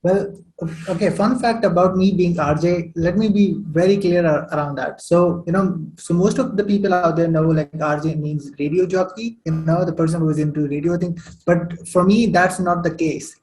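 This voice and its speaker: A man's voice: sits high, steady tone, moderate pace, darkish tone, poor audio. A young man from Saudi Arabia, a podcast guest telling his story in casual chat with many fillers.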